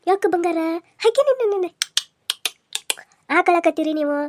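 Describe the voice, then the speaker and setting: A woman's voice: sits high, quick pace, background noise, close to an everyday voice. A woman voicing a fussing elderly village grandmother with a North Karnataka accent, cooing in singsong baby talk. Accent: North Karnataka Kannada. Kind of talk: cartoon voice acting.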